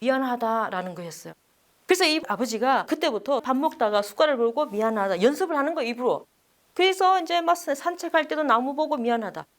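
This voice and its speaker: Lively, high-voiced nun telling a story. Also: female voice, fast talker. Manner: animated, acts out the people in her story; asks the audience questions.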